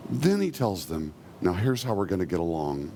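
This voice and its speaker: A man preaching a sermon, earnestly, slowing down and softening when he quotes God's words. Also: deep voice, big pitch swings, slight background noise. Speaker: pastor.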